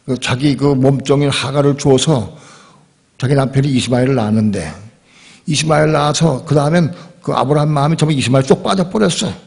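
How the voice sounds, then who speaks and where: A male pastor preaching a sermon at a church service, telling the story in a lively, conversational and emphatic way. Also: fairly high pitch. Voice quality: husky, gravelly.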